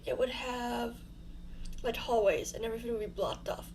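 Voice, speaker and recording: A young female YouTuber with a slightly high, darkish voice and fairly even intonation talks at a moderate pace over a home build. Her casual chatter is rambling, self-deprecating and giggly, her mouth sore from fresh fillings, with slight background noise.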